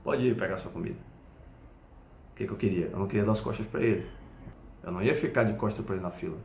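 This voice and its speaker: A Brazilian man, a Krav Maga instructor, explaining a point through an animated personal story and often checking whether the listener follows. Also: fairly low pitch, racing, slight background noise. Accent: Brazilian Portuguese. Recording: echoey room.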